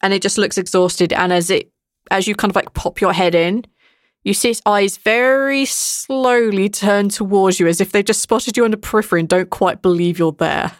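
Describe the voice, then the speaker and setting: A woman's voice: medium pitch, fairly even intonation, normal speed, no room sound, clean studio sound. A woman acting as game master, improvising narration for a tabletop game in an informal, conversational way.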